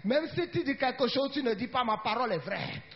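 A man preaching a fervent charismatic sermon, shouting, repeating phrases and calling out alleluia. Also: very high-pitched, lively intonation, a little fast. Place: church service. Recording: dull lo-fi church recording.

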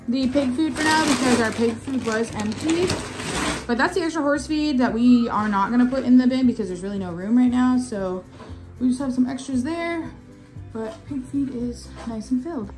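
Filming herself on a phone held at arm's length, a heavily pregnant young vlogger chats casually with viewers and her animals in a farm barn and pasture, moving between outdoors and the open barn. Her voice is high, and the recording quality is low.

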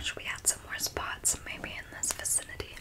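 Woman in her twenties, whispered role-play, ASMR personal attention, breathy whisper, tingly mouth sounds, close mic. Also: moderate pace. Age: 20s. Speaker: ASMR host. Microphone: close microphone, intimate framing.

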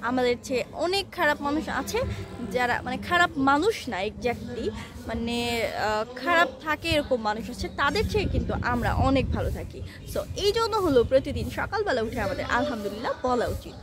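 A woman's voice: high voice, expressive, fairly quick. A young woman from Bangladesh, chatting casually on a rooftop into a hand-held phone and rambling with many fillers and restarts. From Bangladesh (Bogura). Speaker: vlogger. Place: rooftop outdoors.

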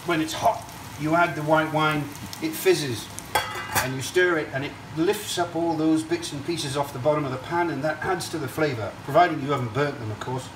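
A man hosts a cooking show at a stove in an indoor kitchen, casually walking the camera through each step in a chatty, digressive way. His voice is a little high at a moderate pace. The distant mic picks up kitchen echo, hiss, and the sizzle and stirring of frying.

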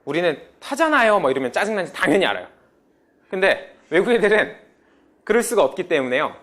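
Lively male English teacher drilling a class. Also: on the high side, quick pace. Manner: drills students with prompts and repeats.

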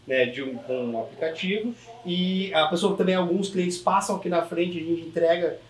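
A man, a shop owner being interviewed, pitched a touch higher than most men. He hesitates often, filling gaps with drawn-out "ah"s, and his voice echoes around the shop. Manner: hesitant, many "ah" fillers and restarts. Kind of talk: casual interview answers. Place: inside his small shop.

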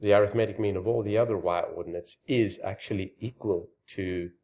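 A man hosting his own math channel, explaining calculus in a halting lecture with frequent pauses and restarts, slightly out of breath. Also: fairly low pitch, steady tone, darkish tone.

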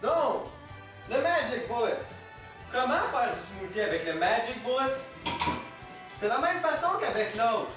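A young man with a Quebec French accent plays an eager grandson hosting a parody infomercial in a home kitchen, selling in an upbeat mood. His very high voice is heavily acted, with big pitch swings, a slightly slow pace and frequent pauses. The distant camera mic captures an echoey kitchen and music.

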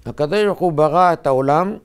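Rabbi giving a measured Hebrew-style sermon. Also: male voice, a little high, smooth. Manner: measured teaching with short emphatic phrases.

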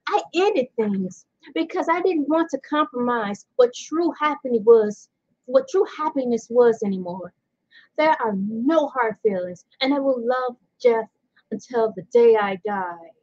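A woman's voice: a little high, expressive, unhurried, darkish tone, muffled recording. A woman vlogging in a casual, rambling way, chatting and reading an article aloud indoors. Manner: rambling and chatty, laughs often. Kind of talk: casual chat. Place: indoors under bright lights.

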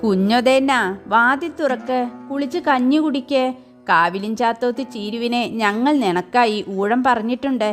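A woman voicing friendly village elders in a spoken storybook, coaxing and a bit louder. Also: very high voice, moderate pace, soft background music.

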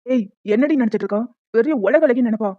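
A woman's voice: a little high, fast, no room sound, lightly acted. A woman voicing a brutal male loan shark. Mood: menacing. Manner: threatening, bullying, crude. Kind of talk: cartoon voice dubbing. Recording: tinny phone-like, dry.

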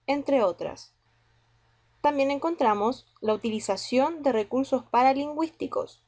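A woman teacher reading a scripted educational narration in measured, didactic phrases. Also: fairly high pitch, a little mellow.

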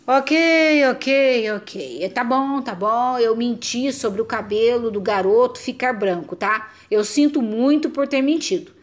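A woman's voice: slow, hardly any pauses. A woman voicing a desperate male storybook character who melodramatically begs the reader not to turn the page. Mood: pleading. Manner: frantic, melodramatic pleading with wild pitch leaps.

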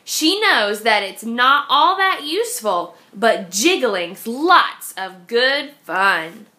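Lively, bright-voiced woman reading to children. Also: on the high side, slow. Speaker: read-aloud storyteller for young children. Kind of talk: expressive picture book read-aloud.

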